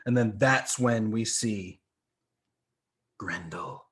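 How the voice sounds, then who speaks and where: A man's voice: medium pitch, moderate pace, a bit bright. A man co-hosting a comic book podcast, talking casually and acting out the panels with sound effects. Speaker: podcast co-host.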